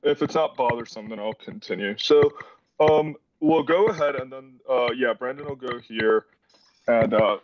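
A man's voice: mid-range voice, moderate pace. Young guy on a zoom call explaining his app, lots of likes and ums, muffled far-off audio. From Dominican Republic. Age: 20s. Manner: casual, many "like" fillers. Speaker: student presenter. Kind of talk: project presentation on a video call. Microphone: headset on a video call. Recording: dull, distant video call audio.

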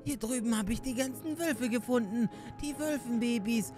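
A woman hosting a Minecraft role-play, excitable, often shouting and crying out. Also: a little high, moderate pace. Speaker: host playing a character. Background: game music.

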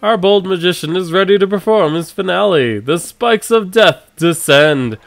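A man voicing a grandiose stage magic show announcer in a game, theatrical and drawn-out. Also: high voice, expressive, gravelly, soft background music, voice pushed up. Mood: grand, ominous.

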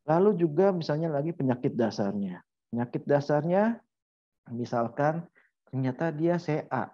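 Speaking in a mid-range, dark-toned voice, this middle-aged lecturer keeps his medical talk informal. He relies on anecdotes, examples, and rhetorical questions, all heard through somewhat dull lo-fi sound.

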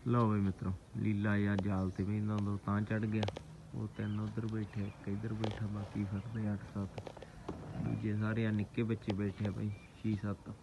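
A man's voice: on the low side, monotone, moderate pace, vocal fry. A man with a Punjabi accent chatting casually to viewers in an informal, brotherly, rustic way as a farm vlogger. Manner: informal rustic talk, repeatedly greeting and addressing viewers as brothers. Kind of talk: casual chatty outdoor vlog, addressing viewers as friends. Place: outdoors on a farm. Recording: noisy outdoor rural ambience, birds and animals.

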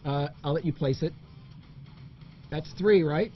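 A man hosting a casual party game, joking and energetic. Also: a little high, unhurried, dull audio, soft background music. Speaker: host.

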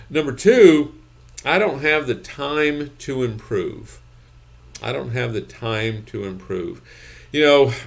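A man's voice: mid-range voice, gravelly. An older man in his sixties, a gym business consultant, giving emphatic advice to camera from a home office, repeating his points and checking in with "okay?". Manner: emphatic, repeats phrases, frequent "okay?" and "you know".

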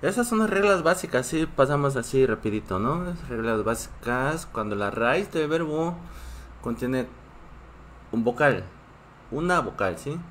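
A native Korean-speaking man teaches a live online class patiently, often checking in with students, reading the chat and greeting viewers. His medium-pitched voice is animated, unhurried and fairly bright, with a little hiss or hum.

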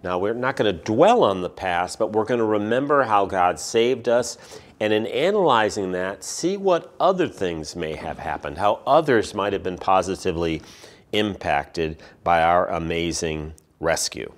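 Deep voiced guy pastor giving an easygoing sermon. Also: normal speed. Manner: relaxed conversational preaching.

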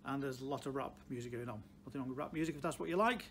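In a mid-range, fairly bright voice, a car dealer in his sixties races through plain-spoken, unscripted advice to camera, repeating phrases for emphasis. He comes from Stoke-on-Trent, England, and speaks with a Potteries accent. The large indoor showroom adds clearly audible background ambience.

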